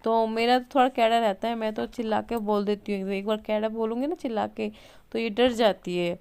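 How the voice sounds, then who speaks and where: Chatty woman with a smooth, clear voice. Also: on the high side, steady tone, fairly quick, darkish tone. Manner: chatty, rambling, frequent fillers and self-corrections. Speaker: vlogger and mother. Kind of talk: casual home vlog chat. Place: home, indoors at night.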